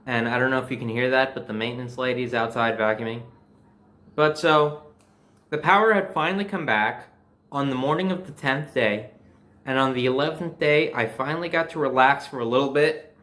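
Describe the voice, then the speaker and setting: A young adult man from New Jersey, with an American accent, tells a personal story as storyteller and host. His medium-pitched, fairly bright voice runs a little fast, and his delivery is casual, conversational and emphatic.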